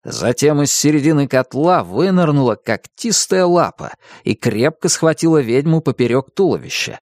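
Man, audiobook narrator, gravelly, animated, close dry sound. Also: fairly high pitch, normal speed, no room sound. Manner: expressive storytelling.

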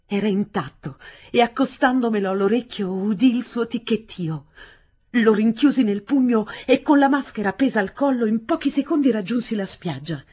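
Expressive, husky woman reading a novel. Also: a little high, moderate pace. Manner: dramatic and expressive, with swings between loud and hushed. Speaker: audiobook reader. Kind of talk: literary audiobook narration.

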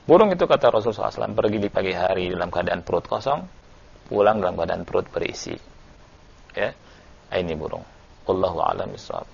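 A man's voice: low-pitched, expressive, fast, vocal fry, pauses often, husky. A man, a religious teacher, giving a conversational study lesson and answering questions. He tells stories and often uses tag questions and fillers. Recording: dull lo-fi recording.

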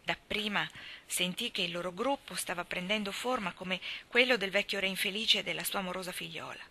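Bright-voiced woman reading a story aloud. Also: medium pitch, fairly quick. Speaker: reader.

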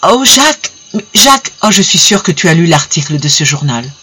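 A reader voicing a young wife in a storybook reading, hurried and faltering as she explains. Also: mid-range voice, big pitch swings, pushed and bright, husky, full character voice. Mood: moved. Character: young wife, anxious and loving.

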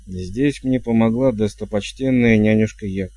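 A man's voice: on the low side, normal speed, dark tone, no room sound, lightly acted. A man voicing a courtly, ceremonious ghost king. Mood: formal. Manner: flowery, ceremonious speech.

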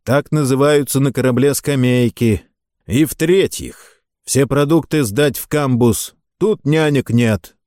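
A man's voice: mid-range voice, measured pace, no echo, clean studio sound, natural voice. A man voicing a stern, strict middle-aged ship captain who barks curt orders in a storybook reading. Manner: curt barked commands, deceptively soft.

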